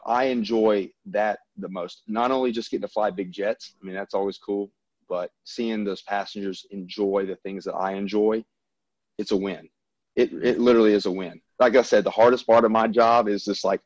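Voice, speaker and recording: A man's voice: on the low side, fairly even intonation, normal speed, no echo, dull audio. A man from Louisiana, an airline pilot talking in an easygoing, upbeat interview chat. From Louisiana, US South.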